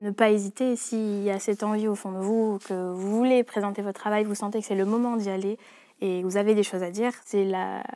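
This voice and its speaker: A woman's voice: mid-range voice, fairly even intonation, fairly quick, mellow, soft background music. A woman in her twenties from French Guiana, a dancer and choreographer, talking about her work in an interview with frequent hesitations and restarts. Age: 20s. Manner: hesitant, many fillers and restarts. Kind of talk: interview monologue.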